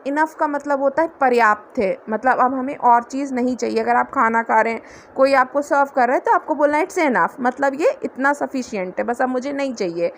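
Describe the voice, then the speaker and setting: Woman tutor, high voice, patient step-by-step explainer, light background hiss. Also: a little fast. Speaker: English tutor. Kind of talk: spoken English lesson.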